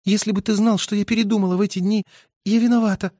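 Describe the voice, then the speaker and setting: A man voicing a young female army medic who speaks softly, at times in a whisper, tender and anxious. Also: high-pitched, little pitch movement, fast, dry recording, studio quality, pitched above the performer's own voice. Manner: soft, whispering.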